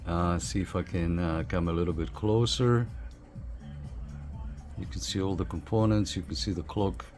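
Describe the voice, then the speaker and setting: With faint music behind him and clear background noise, a man gives a casual hands-on review as a hobbyist. His low-pitched, darkish voice moves at normal speed with long pauses, and he thinks aloud while working, hesitant and repetitive.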